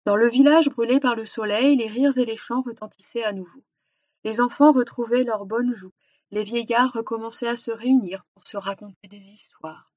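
A woman with a somewhat high voice narrates a storybook, slowing down for effect. The recording is dry and close, with a muffled, dull tone. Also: no room sound. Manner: expressive, slows for effect. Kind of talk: storybook reading.

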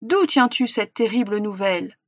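A woman's voice: mid-range voice, expressive, normal speed, no echo. A woman reading a storybook, voicing a skeptical old male village elder who questions in a doubting tone. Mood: doubtful. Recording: dull, dry recording.

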